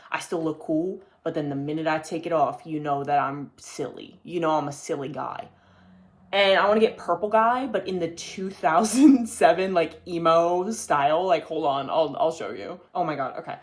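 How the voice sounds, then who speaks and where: A young man hosting his own video podcast, chatting casually to a camera in a rambling way and swearing now and then. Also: on the high side. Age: young adult. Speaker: podcast host. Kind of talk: casual solo video chat. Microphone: talking to a camera.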